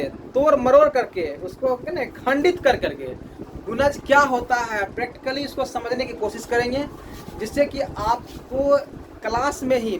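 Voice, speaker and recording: A man's voice: very high-pitched, noisy background. A man teaching a maths class, repeating his questions to the students and drilling the answers.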